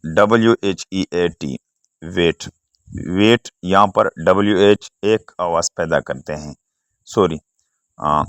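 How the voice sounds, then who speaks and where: Casting man, teacher running an exam-prep class, low voice, slow and patient, dry close sound. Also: vocal fry, no room sound. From Pakistan. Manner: slow and explanatory, spells words out letter by letter; asks and answers his own questions.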